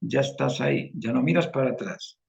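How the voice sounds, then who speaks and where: A man's voice: medium pitch, fairly quick, gravelly, a little mellow, lo-fi sound. A man from Spain with a Spanish accent, teaching a one-on-one online painting class and often checking in with "eh?" as he explains. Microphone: video call.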